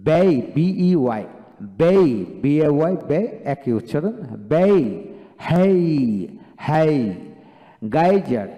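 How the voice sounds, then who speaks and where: A man runs a slow pronunciation drill in a reverberant hall, saying each word twice in a slightly high, mellow voice. He pauses now and then to spell out a word and explain its sound. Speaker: English pronunciation teacher.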